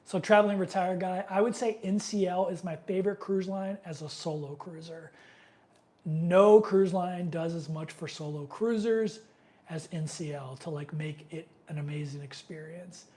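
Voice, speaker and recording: A middle-aged man's voice sits high, steady in tone, at a moderate pace, and a little mellow. Nursing a cold, he sniffles while hosting a casual live question-and-answer stream. He talks in a loose, rambling way full of fillers and reads viewer comments aloud.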